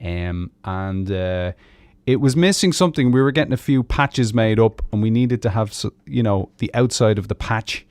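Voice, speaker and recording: An Irish man hosting a weekly music live stream, chatting casually between songs in a relaxed, rambling way with many fillers. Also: fairly low pitch, normal speed, clean tone, no echo.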